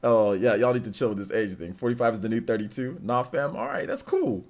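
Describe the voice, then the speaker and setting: A man's voice: mid-range voice, very animated, fairly quick, darkish tone. A man in his forties hosting a livestream, chatting casually with viewers in a laid-back, rambling, slangy way. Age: 40s. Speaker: streamer host. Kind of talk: casual livestream chat reading viewer messages.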